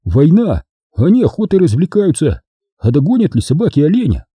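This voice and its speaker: A man voicing an excitable young partisan. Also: on the high side, normal speed, breathy edge, dry recording, voice pushed up, heavily acted. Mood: excited. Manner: eager, excitable outbursts. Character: impulsive young male partisan scout.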